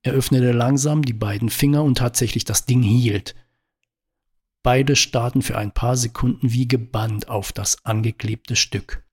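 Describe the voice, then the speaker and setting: A man's voice: mid-range voice, steady tone, measured pace, breathy edge. A man reading a comic short story aloud in a dry, matter-of-fact way.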